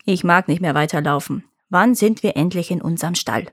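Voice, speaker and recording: Woman voicing a plaintive storybook cow, high moos, dry close sound. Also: brisk, slightly rough, no echo. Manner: plaintive, mooing. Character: stately, weary female cow.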